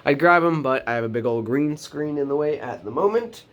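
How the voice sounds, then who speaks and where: This teenage boy's voice is fairly high, animated and fairly quick as he vlogs casually from his bedroom. Still nasal from a cold, he rambles, restarts and says um a lot, moving around the camera mic.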